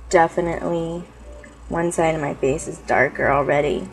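A woman's voice: low-pitched, moderate pace, vocal fry. A woman talking through a makeup tutorial in a casual, chatty way, often joking at herself.

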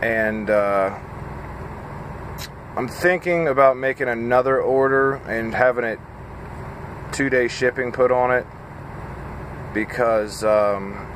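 A man in his thirties, a truck driver, chatting casually and haltingly with lots of fillers while tired and a bit scattered, filmed on a phone at arm's length in his parked cab. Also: medium pitch, a bit bright, slight background noise. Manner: rambling, halting, with frequent fillers. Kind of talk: casual vlog chat. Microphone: phone camera at arm's length.

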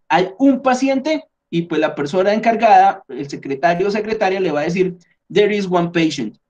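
A man with a high-pitched, somewhat dark voice teaches an English lesson online, explaining it in Spanish, and the upper frequencies sound cut off. He patiently goes step by step, checks in with learners often, and thinks out loud, correcting himself as he edits things on screen.

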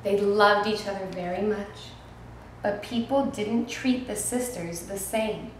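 A woman teacher reading a picture book aloud to her class, gentle and expressive, pausing to ask the children questions. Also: medium pitch. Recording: very echoey room, faint noise.

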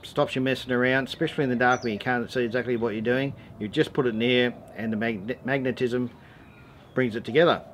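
Hosting his four-wheel-driving how-to channel, an Australian man in his forties casually explains a DIY task, relaxed, slangy, and matter-of-fact. His voice is medium-pitched with fairly even intonation and a slightly fast pace. He records outdoors in a driveway near vehicles, where background ambient noise is noticeable.

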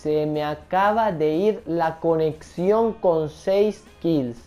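A man's voice: on the high side, slow, a little mellow, faint music behind. A man who hosts a gaming channel, giving live gameplay commentary with frequent exclamations, curses and English slang mixed into his Spanish.

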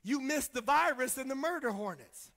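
Male pastor, high forceful voice, impassioned preaching with call-and-response and lots of repeats, long echo of a church hall. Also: lively intonation, moderate pace. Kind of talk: sermon.

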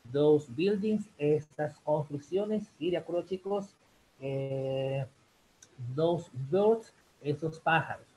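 Guy teaching english on a live stream, kinda high voice, says chicos every other word, bit of hiss. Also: darkish tone, poor audio. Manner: chatty, repeats "chicos" and "bien" constantly. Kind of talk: live online class.

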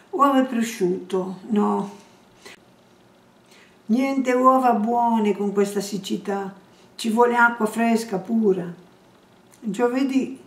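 A woman reading a novel aloud in a measured, unhurried way, lingering on each phrase. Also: mid-range voice, warm tone. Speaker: reader. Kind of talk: slow literary reading aloud. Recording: roomy echo, distant mic.

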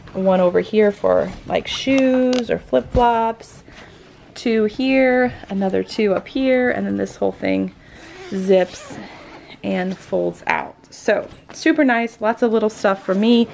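Chatty mom vlogger with gravelly edge. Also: female voice, medium pitch, darkish tone, a little hiss or hum. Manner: chatty, lists items while packing. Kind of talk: casual packing vlog narration. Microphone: camera pointed down at items, speaker off-screen.

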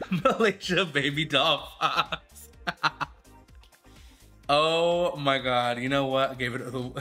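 A man's voice: mid-range voice, bright, forceful tone. A man, a drag queen host, giving sassy, dramatic, shady live commentary while judging a game fashion show.

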